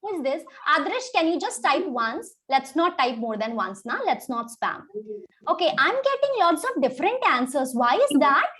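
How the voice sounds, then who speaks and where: A woman with an Indian accent teaching an online children's maths class, briskly urging her pupils along and dropping in Hindi interjections. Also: high-pitched, very animated, bright, forceful tone.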